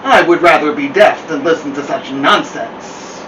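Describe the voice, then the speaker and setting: Guy doing a grumbly storybook iguana, snappy and dismissive, pitched up, echoey room. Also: measured pace, distant mic, background noise, close to an everyday voice. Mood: grumpy. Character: grumpy dismissive male iguana.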